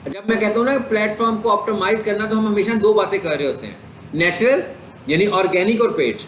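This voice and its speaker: A Pakistani-accented man gives a classroom lecture, walking through each point step by step and posing questions only to answer them himself. His voice sits fairly high for a man. The room is echoey, with a faint hiss underneath. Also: fairly quick, a bit bright. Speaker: digital marketing instructor.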